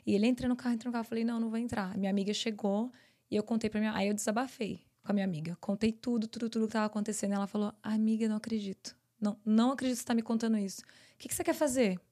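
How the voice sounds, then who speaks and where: A Brazilian woman, a podcast guest, telling her personal story in an earnest, rapid flow. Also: mid-range voice, steady tone, mellow. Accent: Brazilian Portuguese. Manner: earnest, tells events in long rapid runs.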